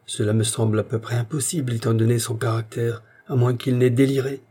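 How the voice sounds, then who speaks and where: A man's voice: medium pitch, flat delivery, fairly quick, warm tone, husky, close to an everyday voice. A man reading the part of a bitter, indignant young man accused by a police inspector, in a curt, logical manner.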